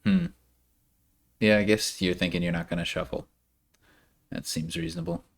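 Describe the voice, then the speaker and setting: A deep-voiced man calls a card game live, with a gravelly edge to his voice. He sounds animated, and his pitch swings widely as he jumps into sudden high reactions. The style is casual commentary. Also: normal speed.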